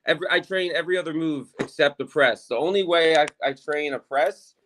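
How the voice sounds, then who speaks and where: A man chatting casually as an athlete, in a halting, repetitive way with lots of filler words. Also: a little high, fairly bright tone, poor audio. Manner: halting, repeats himself, fills with "like". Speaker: arm wrestling competitor. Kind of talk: casual chat on a live stream.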